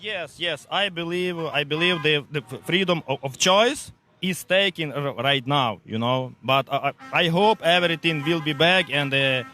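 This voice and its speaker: Halting Ukrainian-accented man, bright voice. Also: fairly high pitch. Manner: halting non-native English with many repeats. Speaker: truck driver at a protest. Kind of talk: street interview. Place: outdoors at a street protest.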